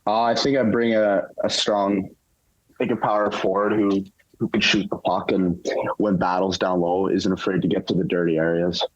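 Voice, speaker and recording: A young man answering interview questions casually, in a relaxed, halting way with lots of fillers. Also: sits low, lo-fi sound. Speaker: interview guest, hockey player.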